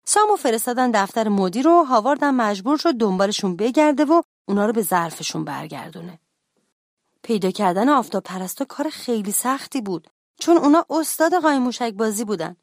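A woman narrating a children's bedtime story in a clear, animated storytelling voice. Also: fairly high pitch, dry recording, studio quality.

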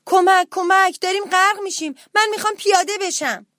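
A woman's voice: extremely high pitch, a bit bright, no room sound, clean studio sound, voice pushed up. A woman voicing a timid, panicky little male mouse in a children's storybook, crying out in fear. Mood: panicked. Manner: squealing, frightened cries.

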